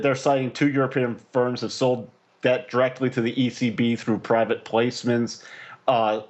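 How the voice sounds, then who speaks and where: A man co-hosting a finance podcast, talking in a loose, halting way and sometimes breaking into animated mock voices. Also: medium pitch, muffled recording. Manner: hesitant restarts, jumps into animated mock voices. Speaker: podcast co-host. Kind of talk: casual podcast chat.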